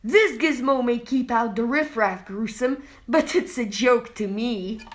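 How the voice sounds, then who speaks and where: In an amateur comic-book dub, a woman with a fairly high voice voices a brash, wisecracking teenage boy superhero, lightly acted at a measured pace with slight background noise. The cocky character thinks aloud, talking to himself dramatically.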